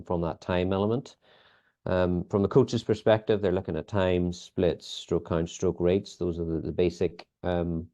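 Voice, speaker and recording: Answering interview questions in a chatty way, a sports biomechanics lead from Northern Ireland appears as a guest. His voice is deep and mellow, measured, full of "um"s, with thoughtful restarts and fillers throughout. The recording sounds dull and lo-fi.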